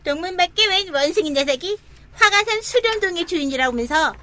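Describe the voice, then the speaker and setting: A woman's voice: very high voice, expressive, brisk, sharp tone, exaggerated voice. A woman voicing a small demon servant in a children's storybook, eager and deferential as it reports busily to its master. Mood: eager, servile. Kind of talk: dramatized children's storybook reading.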